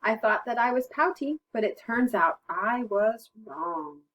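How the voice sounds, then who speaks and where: A woman's voice: a little high, expressive, measured pace, fairly bright tone, low-quality recording. A woman voicing a glum, pouting male fish who chants a sulky rhyming refrain in a read-aloud storybook. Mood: cheerful.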